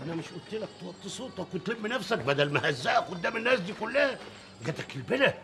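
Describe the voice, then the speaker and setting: A man's voice: mid-range voice, lively intonation, fairly bright tone, slight background noise. An actor playing a stubborn, bossy old father with an Egyptian accent, in a TV drama. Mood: angry. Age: older. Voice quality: gravelly, bossy, quick-tempered. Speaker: father of a grown son. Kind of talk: TV drama acting. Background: background score music.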